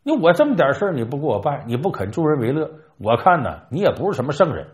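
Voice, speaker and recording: A man's voice: on the high side, big pitch swings, quick pace. A man voicing a weary old male turtle who pleads and then needles with a sly, argumentative manner, in a told folk tale. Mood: sly, needling.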